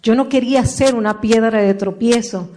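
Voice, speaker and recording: Brief: middle-aged woman, fairly high voice, heartfelt testimony talk, re-enacts past dialogue. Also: moderate pace, warm tone. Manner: emotional storyteller, re-enacts her own past words. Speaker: speaker giving a testimony with her husband.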